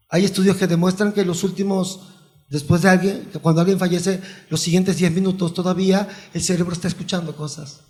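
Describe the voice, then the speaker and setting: A man, a psychotherapist telling a personal story in a soft, halting way that often sinks to a near hush. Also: high-pitched. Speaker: psychotherapist guest.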